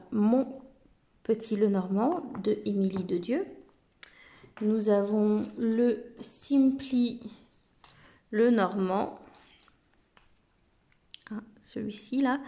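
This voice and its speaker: A woman vlogger chatting casually to camera, relaxed, with many filler words as she presents card decks. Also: medium pitch.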